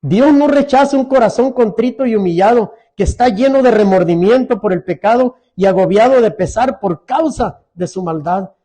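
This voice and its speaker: A man's voice: sits high, normal speed, few pauses, dark tone. A middle-aged man preaching a sermon as pastor, earnest and pleading, often asking his congregation questions.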